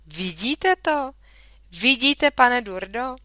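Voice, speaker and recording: Woman doing a shrill scolding mother. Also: lively intonation, sharp tone, dry recording. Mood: indignant.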